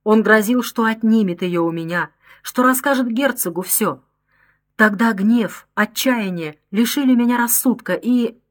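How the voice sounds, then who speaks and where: A woman's voice: fairly high pitch, measured pace. A woman voicing a desperate middle-aged mother in an audiobook, crying out in anguish. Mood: despairing.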